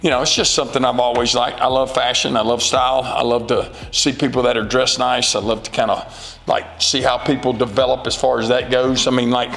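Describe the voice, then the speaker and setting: A man in his forties, a high school football coach, answering interview questions in an earnest, rambling way with many fillers. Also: level tone, fairly quick, vocal fry, fairly bright tone, big-room sound, rough recording. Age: 40s.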